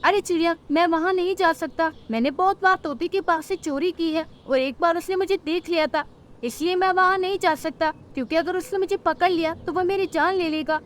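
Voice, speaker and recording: A woman's voice: very high-pitched, a little fast. A woman voicing a sly, lazy male crow in a cartoon story, who talks in a wheedling, pushy way. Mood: scheming.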